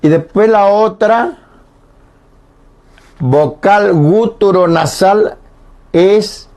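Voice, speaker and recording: Sitting high and a little mellow, a man's voice delivers a radio lesson on the Guarani language via a studio microphone. He explains slowly and with patience, sounding out the vowels one by one.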